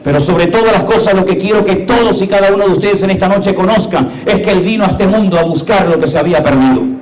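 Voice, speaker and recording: High-voiced fervent male pastor preaching. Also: fast, roomy sound, low-quality recording. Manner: fervent preaching, swings from hushed to exclaiming. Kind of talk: sermon. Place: church.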